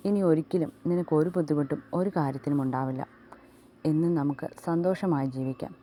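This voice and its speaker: A woman voicing a devoted young husband in an audio love story, speaking softly and earnestly. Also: low-pitched, brisk, slight background noise, close to an everyday voice. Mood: tender.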